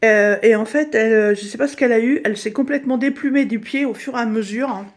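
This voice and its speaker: A middle-aged woman giving a casual tour of her craft room at home, talking in a chatty, halting way with many fillers, her voice slightly hoarse. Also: a little high. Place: dining room at home, indoors.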